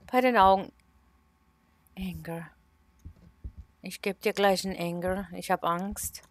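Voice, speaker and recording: A woman's voice: mid-range voice, fairly bright tone. A woman, commentating a horror game in a casual, nervous way, talking to herself and exclaiming in fright. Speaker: let's play gamer.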